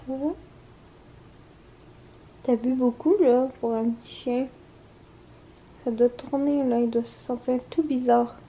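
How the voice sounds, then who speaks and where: A woman's voice: on the high side, fairly even intonation, takes it slowly, creaky, long pauses, dark tone, lo-fi sound. A Québécois woman casually vlogging at home on her couch, chatty, laughing often and cooing at her dog. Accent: Québécois French. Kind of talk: casual home vlog talk.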